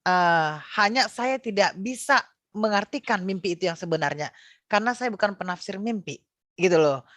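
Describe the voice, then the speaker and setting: A middle-aged Indonesian woman, appearing as a guest, casually shares a personal testimony, using many fillers and correcting herself often. Her mid-range voice has a fairly bright tone at normal speed, and the recording is dry.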